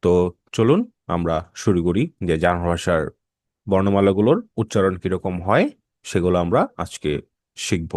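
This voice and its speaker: A man teaching a German language lesson, reading letters aloud slowly and patiently for learners to repeat. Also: low-pitched, darkish tone, dry recording. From Bangladesh. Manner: slow, patient letter-by-letter pronunciation drills. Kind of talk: slow spoken language lesson.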